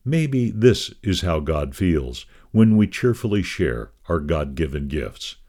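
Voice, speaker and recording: A man giving a measured, expressive scripted reading of a devotional magazine column. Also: low-pitched.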